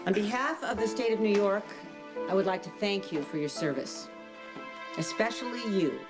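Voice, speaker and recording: Actress as a formal, commanding judge. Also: female voice, medium pitch, animated, normal speed, music in the background, natural voice. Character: firm courtroom judge. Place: courtroom.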